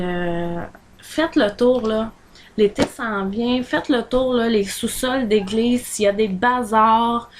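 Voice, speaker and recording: Slow, chatty Québécois woman vlogger. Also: mid-range voice, slight background noise. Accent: Québécois French. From Quebec. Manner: chatty and rambling, many fillers, holds items up to the camera. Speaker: vlogger recommending books. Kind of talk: casual vlog.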